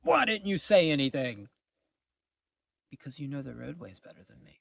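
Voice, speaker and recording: A man recounting his own misadventures in a casual vlog, his voice swinging up and down with a slightly high pitch. He sounds exasperated, often sinking into low asides. The sound is close and completely dry. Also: normal speed, vocal fry, dry recording. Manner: animated, exasperated storytelling, drops to low mutters. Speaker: vlogger. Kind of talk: casual storytime.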